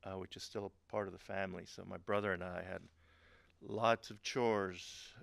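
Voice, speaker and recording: Presenting a webinar on behalf of a government agency, a middle-aged man from Honduras stumbles through fillers and restarts while adding light jokes. He has a low, steady voice with vocal fry and a fairly bright tone. There's no echo.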